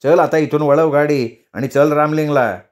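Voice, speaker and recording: A man's voice: fairly high pitch, steady tone, normal speed, a little mellow, close to an everyday voice. A male storyteller playing an irritated male passenger who talks sarcastically and with exasperation. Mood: exasperated.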